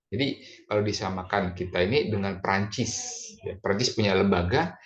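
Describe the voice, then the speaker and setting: A man's voice: on the low side, normal speed, lo-fi sound. A man giving a rambling classroom lecture, full of fillers and tag questions.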